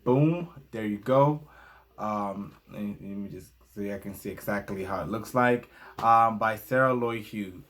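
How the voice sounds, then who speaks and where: A young man whose first language is Spanish reviews a book in English for his channel, speaking casually in a fairly low voice. He reads from notes and stumbles into fillers and restarts, talking a little slowly with a slightly bright tone.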